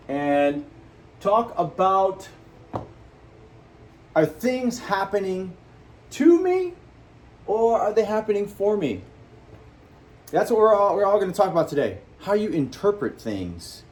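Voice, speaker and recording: Animated man giving a motivational talk. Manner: animated, jumps high for emphasis, acts out quoted people. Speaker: host.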